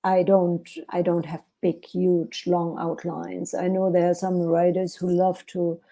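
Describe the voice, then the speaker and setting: A German author with a German accent explains her writing process as a guest on a podcast interview, thoughtful and hesitant, full of fillers and restarts. Her voice is dark and fairly low, barely moving in pitch, at a measured pace.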